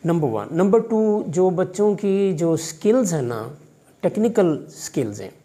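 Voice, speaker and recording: Recorded in his office by a far-off camera, this middle-aged vice principal of a Pakistani college, in his 50s with a Pakistani Urdu accent, responds to an interviewer in a fatherly, measured manner. Religious expressions and hesitant fillers mark his speech, which is high-pitched, expressive and warm.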